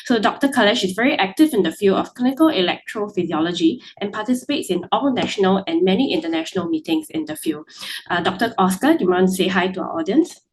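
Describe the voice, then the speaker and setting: A woman's voice: medium pitch, big pitch swings, fast, a little hiss or hum, low-quality recording. A woman moderating a webinar, reading formal introductions and tripping over names.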